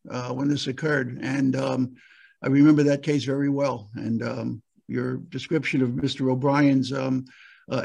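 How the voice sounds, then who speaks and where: A county prosecutor hosts a virtual conference over a video call while losing his voice. He speaks haltingly, with frequent fillers and restarts. His medium-pitched voice has vocal fry and a breathy edge.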